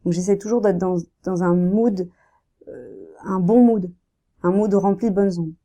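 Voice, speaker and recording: A woman in her thirties talks casually about her painting in an interview. Her voice is mellow and warm at a middle pitch, and she speaks softly, pausing with fillers and restarting her sentences. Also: steady tone. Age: 30s. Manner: soft-spoken, hesitant, many fillers and restarts.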